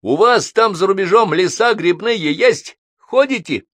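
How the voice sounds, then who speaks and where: A man's voice: sits high, expressive, measured pace, a bit bright, no echo, studio quality, voice pushed up, full character voice. A male reader voicing a bossy, insistent neighbor in a raised, folksy voice for an audiobook. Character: pushy loud middle-aged male neighbor.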